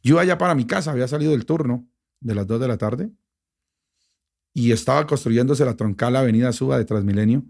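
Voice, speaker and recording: A middle-aged man with a Bogotá Colombian accent, a radio journalist telling a personal story in an interview, emotional and animated, with many restarts. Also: mid-range voice, a little fast, creaky. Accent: Bogotá Colombian Spanish. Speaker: radio journalist and station director.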